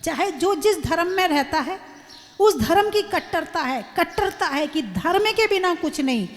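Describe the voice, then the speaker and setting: A woman's voice: very high voice, expressive, a little slow, in a large hall. A woman preacher giving a sermon, emphatic and repeating phrases as she addresses the audience. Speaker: Jain nun preacher.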